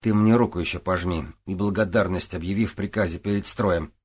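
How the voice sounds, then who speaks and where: A man's voice: sits low, fairly even intonation, brisk, a little mellow, breathy edge. A man doing a sarcastic touchy young man. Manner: sarcastic, grumbling.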